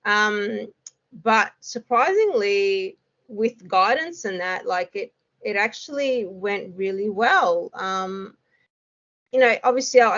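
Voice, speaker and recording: A woman's voice: mid-range voice, muffled recording. A woman, a hypnosis student, chatting casually in an interview with lots of fillers and frequent laughs.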